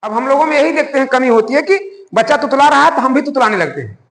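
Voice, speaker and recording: A man teaching a school class in a lively, conversational way, often asking the class questions. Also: very high-pitched, fast, vocal fry. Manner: animated, conversational, asks the class rhetorical questions. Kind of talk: classroom lecture. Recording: echoey room with long reverb.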